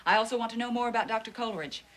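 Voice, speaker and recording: A woman's voice: on the high side, rapid-fire, a bit bright, lightly acted. An actress playing a persistent young woman journalist in a daytime soap, cool and insistent. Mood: earnest. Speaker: actor in a TV drama.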